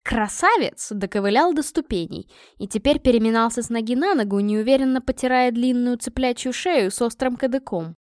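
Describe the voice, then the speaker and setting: A woman narrating a first-person audiobook in an expressive, sardonic manner. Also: a little high, fairly quick, hardly any pauses, no echo, studio quality.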